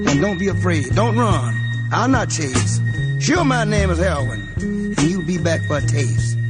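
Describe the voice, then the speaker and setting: A man's voice: a little high, full character voice. A man voicing heroin personified as a menacing, taunting king, preaching in a spoken-word recitation over a soul record. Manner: preaching, taunting, drawn-out delivery. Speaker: recording artist.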